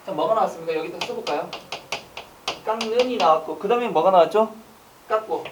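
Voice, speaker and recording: A man teaching an online exam-prep lecture, quizzing listeners with rapid rhetorical questions and casual joking asides. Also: high voice, background noise.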